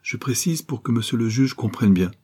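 A man voicing a bitter, tense young man with a dry, harsh voice who argues sharply and quickly. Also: mid-range voice, lively intonation, warm tone, breathy edge, pitched above the performer's own voice. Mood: arguing.

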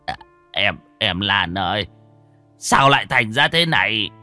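A man's voice: fairly low pitch, expressive, extremely slow, a bit bright, soft background music, heavily acted. A man doing a trembling old lovesick sorcerer. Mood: pleading.

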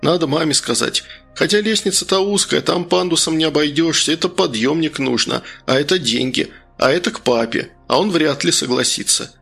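A man doing a teasing young guy, gravelly. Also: fairly high pitch, fairly quick, few pauses, fairly bright tone, faint music behind, exaggerated voice. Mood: casual. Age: young adult. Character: playful young man, brain-obsessed tease.

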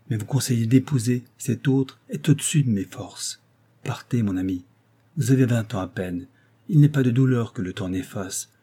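A man's voice: mid-range voice, warm tone, breathy edge, natural voice. A man voicing a proud, dutiful young noblewoman in an audiobook, reading her lines in an earnest, declamatory way.

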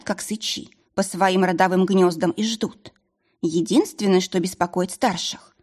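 A woman reading a fantasy audiobook in a measured, expressive storytelling manner. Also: fairly low pitch, breathy edge. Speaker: audiobook narrator. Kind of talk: scripted audiobook narration.

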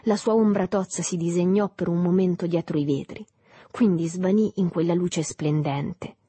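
A woman reads a literary novel aloud in a calm, measured voice. Her voice is lowish and husky. The recording is dry and close, with no room sound. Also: no echo. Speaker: audiobook reader. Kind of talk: literary audiobook narration.

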